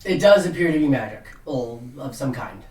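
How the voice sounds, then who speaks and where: A man narrating a tabletop game casually as game master, often halting as he searches for words. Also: mid-range voice, expressive, a little mellow. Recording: roomy, distant from the mic.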